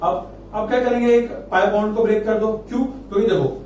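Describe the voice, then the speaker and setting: A man's voice: high voice, steady tone, a little fast, a little mellow. A man teaching chemistry in speech, coaxing students and answering his own questions. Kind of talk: classroom lecture. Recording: echoey room, distant mic, faint noise.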